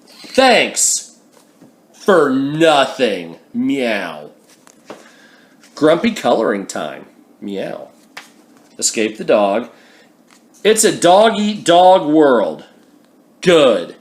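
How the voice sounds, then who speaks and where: A man reads a funny picture book aloud at an unhurried pace. His pitch sits a touch high and moves a great deal, and he breaks off now and then for wry comments. The delivery is deliberate and a little playful. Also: huge pitch swings. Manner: slow, deliberate reading with wry asides. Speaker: book reader. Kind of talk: reading a humor book aloud.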